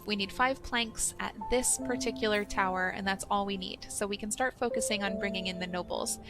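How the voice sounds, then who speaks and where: A young woman hosting a let's play, chatting casually and thinking aloud as she plays. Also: a little high. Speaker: gaming channel host.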